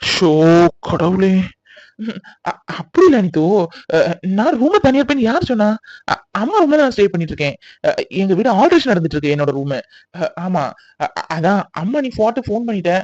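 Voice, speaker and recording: A man's voice: high voice, animated, fairly quick, dry recording. A young man voicing a harried, guilty young husband who stammers and frets, on slightly dull audio. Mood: flustered. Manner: flustered, stammering.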